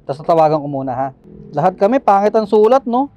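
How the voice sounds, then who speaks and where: High-voiced, dark-toned chatty man. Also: big pitch swings, fast, muffled recording. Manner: chatty, laughs often, keeps adding tag questions; apologetic, joking asides. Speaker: delivery rider vlogger. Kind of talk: casual chat to viewers.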